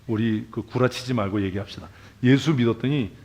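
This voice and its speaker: In a church sanctuary, a male pastor delivers a sermon in a brisk, medium-pitched voice. He speaks casually and bluntly, firing questions at the congregation and shifting between loud emphasis and quiet asides.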